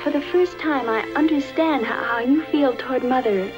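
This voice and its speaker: An actress playing a middle-aged daughter home for Christmas, speaking with bright affection. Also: female voice, high-pitched, moderate pace, muffled recording, lightly acted. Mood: wistful. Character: warm, eager grown daughter in love with a pilot. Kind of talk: 1970s TV movie acting. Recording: film soundtrack with music under dialogue.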